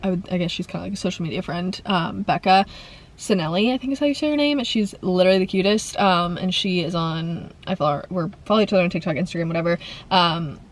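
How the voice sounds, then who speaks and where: A woman's voice: lowish voice, fast talker. A young woman vlogger talking through viewer questions in a chatty, rambling way, a little congested. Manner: rambling, fills with "like" and "um". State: slightly congested. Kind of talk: chatty Q&A vlog.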